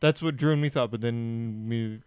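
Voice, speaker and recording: A man's voice: medium pitch, moderate pace, darkish tone, smooth, no echo, studio quality. A young man in a casual group chat, matter-of-fact and explaining things plainly.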